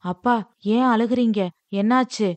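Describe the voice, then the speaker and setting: Lady playing a young daughter, earnest, a bit high and quick, dry audio. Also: steady tone, no echo, close to an everyday voice. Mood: worried.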